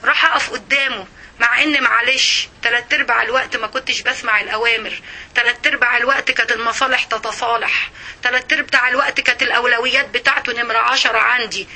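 Fast, bright Egyptian woman preaching. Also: fairly high pitch, steady tone. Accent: Egyptian Arabic. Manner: emotional, keeps checking in with listeners. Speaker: religious teacher. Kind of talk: religious lesson to women.

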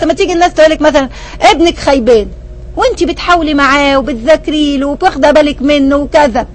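Teaching a religious lesson to a group of women, an older woman with an Egyptian Arabic accent and a high-sitting voice speaks emphatically. She keeps aiming rhetorical questions directly at her audience.

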